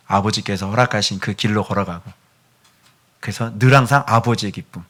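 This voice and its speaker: A middle-aged man preaching a sermon as pastor, animated, moving between hushed whispers and near-shouts. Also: medium pitch. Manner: acts out a doting father's voice.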